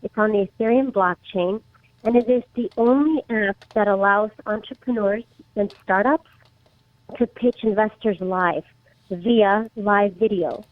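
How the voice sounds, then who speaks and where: A woman's voice: medium pitch, unhurried, no echo. Woman guest on a tinny phone line. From Czech Republic. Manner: hesitant, many restarts and fillers. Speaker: startup guest. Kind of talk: casual interview answers.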